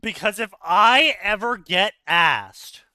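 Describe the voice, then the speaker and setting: A man's voice: high-pitched, animated, slow pace, pushed and bright, dry recording. A man joking sarcastically in a casual podcast chat with friends, laughing often. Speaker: co-host reading comments.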